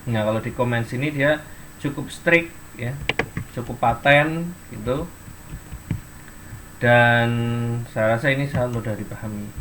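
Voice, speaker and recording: A man's voice: medium pitch, a little slow, pauses often, a bit bright, a little hiss or hum. A man teaching English in an online class, explaining step by step and reading example sentences and dictionary entries aloud.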